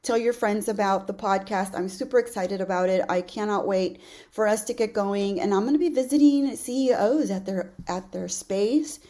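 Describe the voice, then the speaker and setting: A woman's voice: medium pitch, darkish tone. A woman in her late forties hosting her own podcast, talking earnestly and encouragingly to her listeners, often restarting with "you know" and repeated words. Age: 40s. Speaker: podcast host. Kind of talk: casual solo podcast talk.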